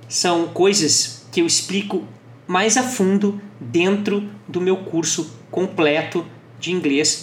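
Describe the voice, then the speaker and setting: A woman teaching English to Portuguese speakers, slowing down her model phrases for the listener to repeat. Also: deep voice, a little hiss or hum. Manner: slow, drawn-out model phrases for repetition. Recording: echoey room with faint music.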